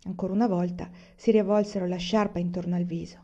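Woman reading a novel aloud, mellow tone. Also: lowish voice, little pitch movement, fast, lo-fi sound. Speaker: audiobook reader.

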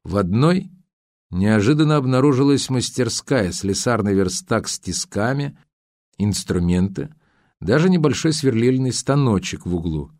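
A man's voice: medium pitch, animated, moderate pace, darkish tone, no echo, clean studio sound. A man narrating an audiobook in a dramatic reading style, acting out the dialogue. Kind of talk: scripted narration.

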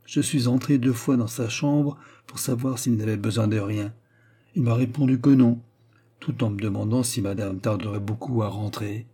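A man's voice: medium pitch, steady tone, moderate pace, dark tone, slightly rough, close to an everyday voice. A man reading aloud, voicing a chatty young maid who eagerly reports back to her mistress. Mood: reporting.

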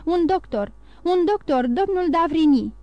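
Woman voicing a panicked prosecutor shouting. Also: very high voice, expressive, dry recording, dull audio, voice pushed up. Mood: alarmed. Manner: shouting in alarm. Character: panicked middle-aged male royal prosecutor.

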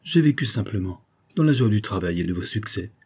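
A man's voice: fairly low pitch, expressive, a little fast, darkish tone, husky. A man voicing a devoted male assistant who confesses to a murder in a fervent, pleading way, in a storybook reading.

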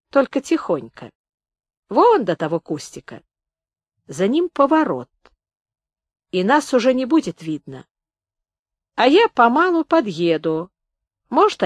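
A woman reading an audiobook, voicing a male peasant cart driver who speaks quietly and cautiously. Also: medium pitch, very animated, measured pace, long pauses, dry recording.

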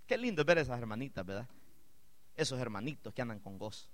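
A male pastor preaching a sermon, moving from chatty asides with the congregation to impassioned, loud exclamations. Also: medium pitch, quick pace.

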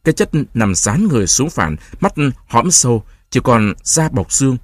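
Expressive male audiobook narrator. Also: medium pitch, normal speed, no echo, studio quality.

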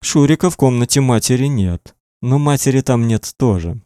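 A man's voice: mid-range voice, animated, normal speed, mellow, no room sound, clean studio sound. A man narrating an audiobook in a tense, dramatic reading.

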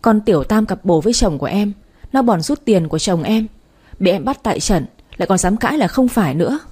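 A furious jealous wife in a spoken storybook, abusive and screaming insults, as a woman narrator puts her on. Her voice stays mellow and slightly breathy. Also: medium pitch, lively intonation, a little fast. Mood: wailing.

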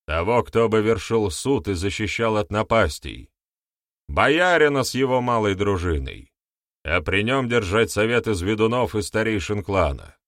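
A man's voice: lowish voice, expressive, moderate pace, a bit bright, no echo, clean studio sound. A man doing an earnest, raised-voice village sorcerer. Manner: pressing, rhetorical, emphatic. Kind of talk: audiobook character voice.

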